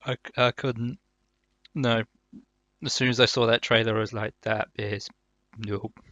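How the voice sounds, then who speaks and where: A man's voice: medium pitch, fairly even intonation, a little slow, sharp tone, no echo, muffled recording. A man co-hosting a podcast, making wry, joking comments in casual chat.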